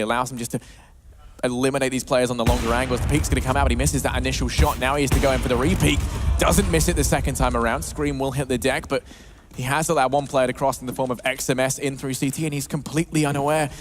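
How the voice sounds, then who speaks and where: A man doing live esports play-by-play commentary as a caster, building from measured analysis to excited calls. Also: medium pitch.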